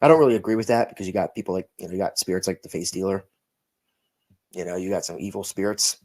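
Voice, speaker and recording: Tired, low-voiced man rambling casually. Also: fast, a little mellow. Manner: rambling, self-correcting. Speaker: podcast co-host. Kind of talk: casual chat.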